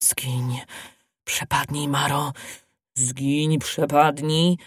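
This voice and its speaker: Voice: mid-range voice, flat delivery, extremely slow, slightly rough, no echo, clean studio sound, pitched below the performer's own voice, exaggerated voice. A reader doing a cowering, pleading vagabond man. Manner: pleading, whispering in fear.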